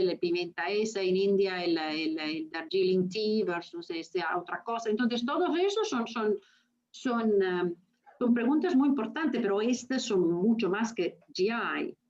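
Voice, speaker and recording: A woman's voice: mid-range voice, a little slow, darkish tone. A woman with an Italian-influenced foreign accent in Spanish, giving an informal academic talk and often searching for words or mixing languages. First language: Italian, speaking non-native Spanish. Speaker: guest speaker. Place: remote video call. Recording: muffled video call.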